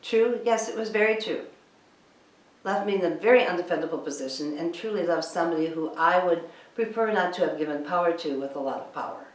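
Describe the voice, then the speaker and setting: A woman on the low side, talking a little fast, delivers a cleaning business training lecture with insistent emphasis and frequent rhetorical questions. The recording has room echo, a distant mic, and background noise.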